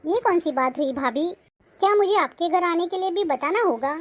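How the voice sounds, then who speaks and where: A woman's voice: very high voice, lively intonation, normal speed. A woman playing a pushy, nosy young sister-in-law who chatters and drops sly remarks in an acted family drama. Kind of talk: acted Hindi family short film.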